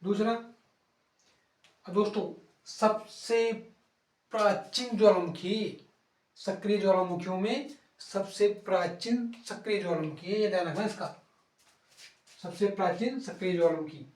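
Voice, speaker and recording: Male geography teacher, high voice, playful repetitive mnemonics, recorded off-mic in a roomy classroom. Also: a little mellow, recorded from a distance. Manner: repetitive, playful memory tricks with rhymes; pauses to write on a board, drawing out words. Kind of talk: exam-prep lecture.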